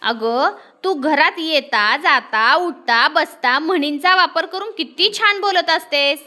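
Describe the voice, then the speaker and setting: A woman's voice: high voice, slow, pushed and bright, heavily acted. A woman teacher reading out the lines of an eager, proud schoolboy talking to his grandmother in a storybook lesson. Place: classroom.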